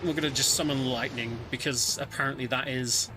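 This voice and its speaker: The audio quality is poor on this clip of a man with a mid-range, fairly even voice talking a little fast. As a speedrunner, he comments on and explains his own play live, somewhat hesitantly, over video game music.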